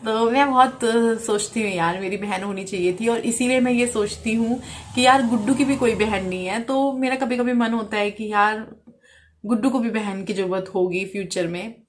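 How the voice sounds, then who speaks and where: A woman's voice: fairly high pitch, fairly even intonation, a little hiss or hum. A woman in her thirties, a vlogger from India, answering viewer questions in a frank, casual way. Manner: frank, talks quickly at times. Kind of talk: casual Q&A chat.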